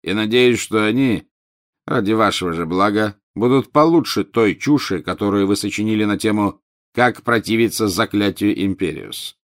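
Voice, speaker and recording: A man voicing a cold, contemptuous male teacher who talks in a slow drawl. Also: lowish voice, natural voice.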